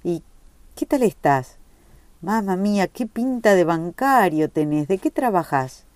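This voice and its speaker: A woman's voice: on the low side, expressive, unhurried, darkish tone, no room sound, pitched above the performer's own voice. A woman reading a story aloud, voicing an exuberant, rambling young working-class man. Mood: boisterous.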